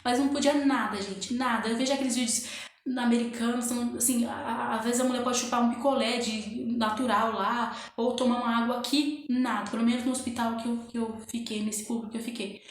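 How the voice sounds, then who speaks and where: A woman with a high voice recounts her story in a casual, emotional way, circling back over the same words and calling out to her viewers. The recording is full of room echo. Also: steady tone, a little fast. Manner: emotional, repeats phrases, often addresses listeners as "gente". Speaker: new mother telling her birth story. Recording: very echoey room.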